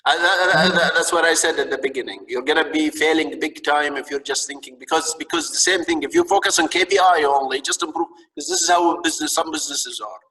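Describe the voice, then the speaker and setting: Casting: male lecturer, Arabic accent, halting repetitive phrasing, recorded distant with long reverb. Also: on the high side, sharp tone. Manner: repeats words and stumbles as they search for phrasing. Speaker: instructor teaching a training course. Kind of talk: live lecture with audience questions. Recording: distant, echoing reverberant sound.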